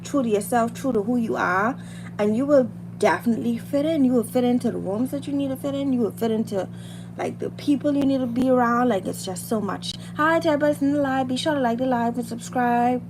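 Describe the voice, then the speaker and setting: Her voice on the high side and her pace brisk, a Bahamian woman hosts a livestream about beauty and hair. She keeps up relaxed, motivational girl talk while putting on makeup, repeating phrases to stress them over loud background noise.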